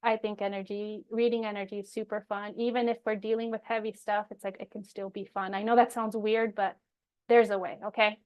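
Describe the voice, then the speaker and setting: A woman's voice: mid-range voice, little pitch movement, fairly quick, clean tone, lo-fi sound. Reassuring woman coach, casual and personal. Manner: encouraging, reassuring, informal with frequent emphasis. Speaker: energy coach presenting her program. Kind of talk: casual, personal program pitch to viewers.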